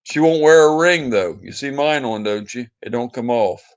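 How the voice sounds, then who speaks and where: A man hosts a casual livestream, reading out viewer comments in a pleading, sentimental, repetitive way. His medium-pitched voice is expressive and moves at a moderate pace.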